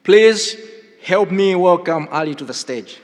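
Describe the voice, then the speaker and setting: A man presenting at a ceremony, slowly reading a formal introduction and list of credits. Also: high-pitched, expressive, slight background noise. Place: large hall. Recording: long hall reverb.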